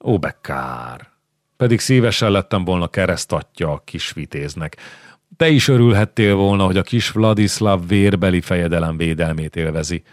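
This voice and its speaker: A man voicing a sinister, mock-courteous blind prince in an audiobook, low and sly. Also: animated, dry recording, clean studio sound. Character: sinister blind male prince, smooth and menacing. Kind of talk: audiobook character reading.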